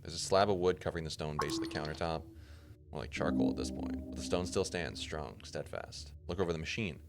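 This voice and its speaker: A man's voice: low-pitched, fast, vocal fry, loud music behind the voice. A man streaming a video game, reading its text aloud casually with muttered asides and swearing.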